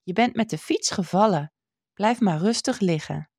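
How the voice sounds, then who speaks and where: A woman voicing a kind, caring neighbour woman in a storybook, speaking softly and soothingly. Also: medium pitch, lively intonation, moderate pace, breathy edge, dry recording, clean studio sound. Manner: soft, soothing.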